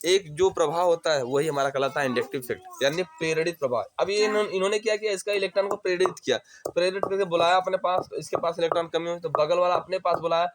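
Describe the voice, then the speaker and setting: A man's voice: high voice, fast, a little hiss or hum. A man teaching chemistry to students. He explains step by step, keeps asking questions and then answers them himself. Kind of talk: classroom lecture.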